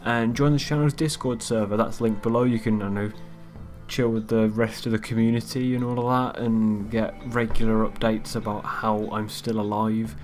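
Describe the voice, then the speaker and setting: A man's voice: on the low side, little pitch movement, normal speed, a little mellow, faint music behind. A man hosting his own video channel, walking through a game theory recap in an offhand, rambling way that trails off. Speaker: YouTube channel host. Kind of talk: casual narrated video outro.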